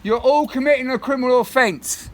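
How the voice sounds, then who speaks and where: High-voiced man, firm and insistent. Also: fairly quick. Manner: firm, insistent, repeats legal warnings. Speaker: property occupier confronting bailiffs. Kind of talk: confrontational recorded exchange.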